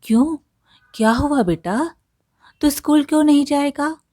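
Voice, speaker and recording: A woman's voice: medium pitch, unhurried, darkish tone, close to an everyday voice. A woman voicing a poor, caring mother who soothes her son in a storybook tale.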